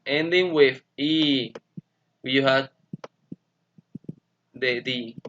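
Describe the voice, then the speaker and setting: Slow, careful teacher explaining grammar. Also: male voice, mid-range voice. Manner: slow, careful explanation switching between Spanish and English. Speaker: English teacher. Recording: dull lo-fi sound.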